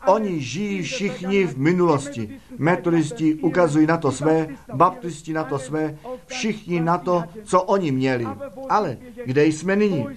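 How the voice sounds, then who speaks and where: High-voiced man preaching fervently. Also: crowd noise. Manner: fervent preaching with rhetorical questions. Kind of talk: sermon.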